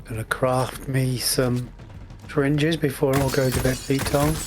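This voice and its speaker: A man plays a co-op game and makes dry, understated remarks. His delivery is flat and even in pitch. Clear background noise comes through from the game. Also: a little slow. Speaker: co-op teammate. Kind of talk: casual gaming chat.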